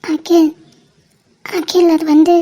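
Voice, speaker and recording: A woman voicing a lovesick young woman in an animated cartoon, speaking in a worried, hesitant way. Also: very high voice, slow. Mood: upset. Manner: worried, hesitant, tearful pleading.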